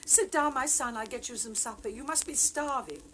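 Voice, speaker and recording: A woman's voice: a little high, normal speed, a bit bright, a little hiss or hum, lightly acted. An actress playing a fretful, scolding but doting mother, exclaiming dramatically in an audio storybook. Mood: fussing, astonished.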